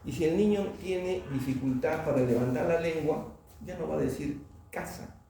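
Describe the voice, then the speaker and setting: A man's voice: fairly high pitch, moderate pace, vocal fry, dark tone. A man giving a classroom lecture and often quizzing the class with a questioning "¿no?". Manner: asks the class questions, tag "¿no?". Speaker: oral surgery lecturer. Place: lecture room. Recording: very echoey lecture hall from far off, faint noise.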